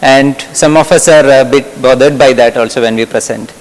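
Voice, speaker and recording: A man's voice: mid-range voice, brisk. A middle-aged man from Kerala with a Malayali English accent, giving a conversational workshop lecture and putting questions to his audience. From Kerala, India. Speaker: medical lecturer. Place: lecture hall. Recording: lecture hall reverb.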